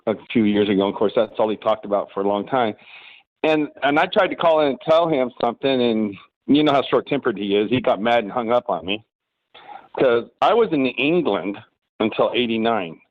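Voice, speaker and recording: Male caller on speakerphone, muffled phone-line sound, mid-pitched, loose rambling delivery. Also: lively intonation, fairly quick, no echo. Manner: rambling with restarts. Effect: heard over a phone line on speakerphone. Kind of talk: casual call-in chat.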